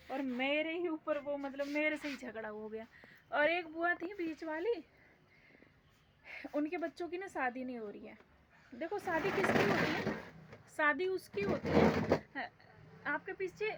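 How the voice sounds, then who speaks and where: High-voiced woman telling a family story over shop noise. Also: a bit bright. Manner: chatty, rambling, aggrieved retelling of a family quarrel. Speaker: vlogger. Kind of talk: casual storytelling vlog. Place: small shop with customers and street noise. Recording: noisy background from a busy shop.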